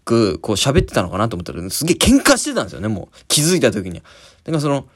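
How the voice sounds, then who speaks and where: A man's voice: medium pitch, wildly swooping pitch, fast talker. A man hosting a podcast, telling a story in a casual monologue and acting out scenes with sound words. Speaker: podcast host.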